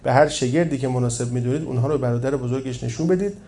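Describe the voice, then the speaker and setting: A man's voice: mid-range voice, warm tone, a little hiss or hum, lightly acted. A man reading the part of a stern, zealous man who urges harsh discipline, insistent and commanding.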